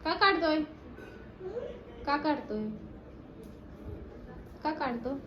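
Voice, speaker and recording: A woman's voice: sits high, expressive, very slow, muffled recording, slight background noise. A young woman with a Marathi accent filming a home vlog, coaxing and scolding her small children and chatting to viewers. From Maharashtra, India. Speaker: home vlogger and mother. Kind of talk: casual home vlog with kids. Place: home kitchen.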